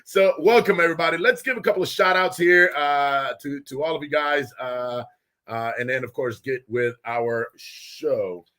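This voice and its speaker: A man hosting a casual live show from a small studio with guests, loud and excitable, often laughing. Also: mid-range voice, moderate pace. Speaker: host.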